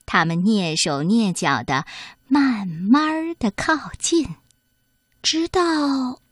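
Female storyteller, animated and high, for a children's picture book. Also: slow pace, no room sound, studio quality. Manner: expressive, sing-song.

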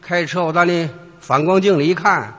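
A man's voice: on the high side, normal speed, fairly bright tone. A man performing crosstalk comedy, telling a story as a taxi driver. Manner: storytelling, playing a cab driver. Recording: reverberant hall.

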